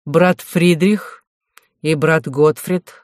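A reader voicing a stern, scheming older medieval bishop who talks slowly and quietly in an audiobook. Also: medium pitch, steady tone, dry recording, clean studio sound. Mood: stern, cold. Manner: slow, measured, quiet.

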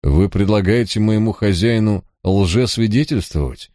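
A man doing a blunt sharp-tongued assistant. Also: on the low side, unhurried, dry recording, studio quality, lightly acted.

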